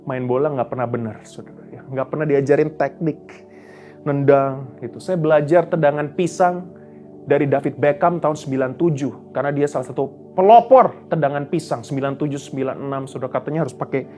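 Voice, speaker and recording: A man in his thirties preaching a sermon as a pastor, mixing English phrases into his talk and rising to loud, emphatic peaks. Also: mid-range voice, steady tone, a little fast, faint music behind. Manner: switches between Indonesian and English phrases.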